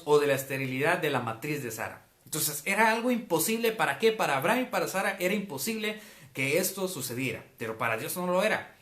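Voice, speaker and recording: A man's voice: on the high side, a bit bright. A man giving a casual, conversational Bible teaching as a preacher, often checking in with his listeners. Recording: roomy echo.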